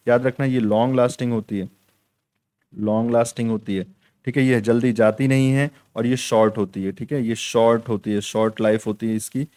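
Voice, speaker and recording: A man's voice: medium pitch, darkish tone, dry recording, clean studio sound. A young man teaching an online exam-prep lesson, repeating key points and checking in with his students again and again. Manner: repetitive, drills points with "theek hai".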